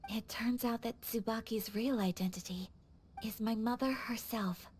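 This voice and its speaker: Woman playing a high-voiced, refined young noblewoman. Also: steady tone, a little mellow, slight background noise, lightly acted. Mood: solemn. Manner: polite, formal, measured phrasing. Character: refined, courteous young noblewoman, gentle and thoughtful. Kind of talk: anime game voice acting.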